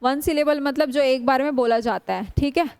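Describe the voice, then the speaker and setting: A woman teaching English grammar in a classroom lecture, drawing out English words slowly and often putting questions to her students. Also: high voice, a little mellow, smooth, no echo. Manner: slow, drawn-out spelling of English words; frequent rhetorical questions to students.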